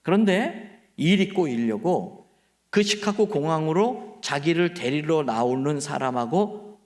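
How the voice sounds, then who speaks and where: A male pastor preaching a revival sermon in a church, telling stories with animated swings and dropping to quiet asides. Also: a little high, unhurried.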